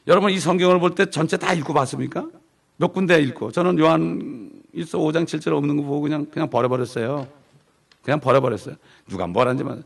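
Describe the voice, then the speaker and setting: A man's voice: mid-range voice, creaky. A middle-aged man preaching a sermon as pastor, emphatic and repeating key phrases in English.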